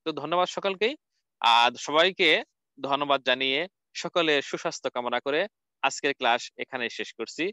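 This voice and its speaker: A man's voice: mid-range voice, normal speed, pushed and bright, smooth, no echo. A man teaching a recorded college lecture, spelling out words letter by letter and asking and answering his own questions. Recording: dull lo-fi dry recording.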